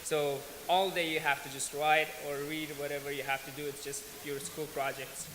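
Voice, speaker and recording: A man's voice: a little high, flat delivery. A man, earnestly telling his life story as a guest speaker at a church. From Afghanistan. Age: 20s. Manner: earnest, plain-spoken, unhurried, with small restarts. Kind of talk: personal testimony. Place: large church hall. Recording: echoey church hall, faint hiss.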